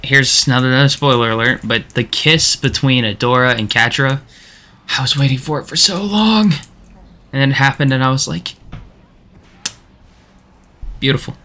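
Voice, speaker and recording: Bright-voiced man rambling while gaming. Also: medium pitch, normal speed, long pauses. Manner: rambling, chatty, lots of fillers and restarts. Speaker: gaming streamer. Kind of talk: casual chat while playing.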